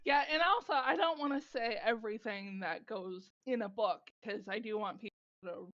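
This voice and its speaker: Young woman, bright tone, slightly dull lo-fi audio; conversational book talk from her notes. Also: fairly high pitch, normal speed, no room sound. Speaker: book club podcast co-host. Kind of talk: casual book discussion.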